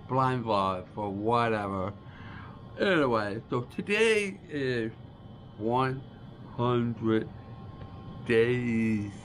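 Slow-talking deaf man in his forties. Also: on the low side, a little hiss or hum, poor audio. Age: 40s. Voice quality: deaf speaker's speech. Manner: slow, halting speech with restarts and signing hands. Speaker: vlogger. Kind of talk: casual vlog talk to camera. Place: small dim room with a starry backdrop. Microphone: camera close in front of face.

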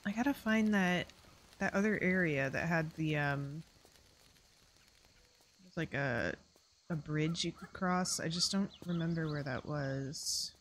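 Female streamer, casual chatty play-along commentary, slightly low voice. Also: measured pace, pauses often, slight background noise. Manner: chatty, rambling, lots of fillers. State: hiccups. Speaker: streamer playing a game.

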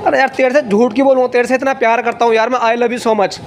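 A young man on a staged prank phone call, talking rapidly, pleading and exasperated. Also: extremely high pitch, flat delivery. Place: metro train. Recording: noisy metro carriage.

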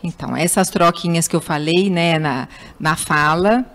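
A Brazilian woman speech therapist with a Brazilian Portuguese accent answers interview questions, patiently explaining how children develop language and acting out the baby talk parents use. Her voice is lowish and a bit bright, at a normal speed, with slight background noise.

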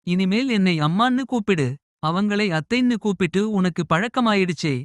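A man voicing a gentle, firm mother. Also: sits high, animated, moderate pace, no room sound, studio quality, voice pushed up. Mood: tender. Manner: soft scolding, tender and reassuring. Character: caring middle-aged mother, gentle but firm.

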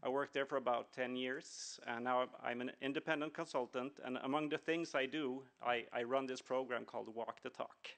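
Middle-aged guy at a conference, gravelly voice, lots of ums and restarts. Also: mid-range voice, steady tone, fairly bright tone. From Sweden and Venezuela. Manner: earnest, halting with many fillers and restarts. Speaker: conference speaker. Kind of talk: conference talk.

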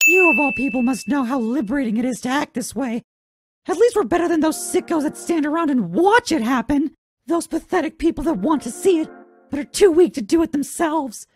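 A woman's voice: high-pitched, lively intonation, fairly quick, faint music behind. A woman voicing a childlike male talking flower, bitter and scheming, in a dramatic cartoon fan dub. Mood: scornful.

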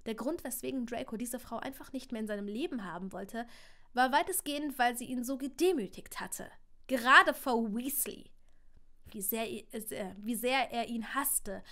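Lady reading a story live on stream, highish voice, keeps tripping and fixing words. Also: moderate pace. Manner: expressive, with frequent small slips and corrections. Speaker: channel host reading aloud. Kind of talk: reading fan fiction aloud on a livestream.

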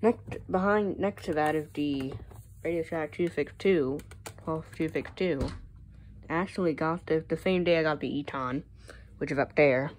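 Showing off her collection in a room at home, a young woman with an American accent narrates casually into a handheld phone, and the recording is noisy. She speaks in a low, slightly mellow voice at normal speed.

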